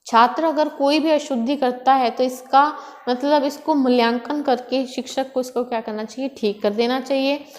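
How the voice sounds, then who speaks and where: A woman teacher explaining a lesson step by step, asking questions and answering them herself. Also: high-pitched. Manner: asks and answers her own questions. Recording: echoey room with long reverb.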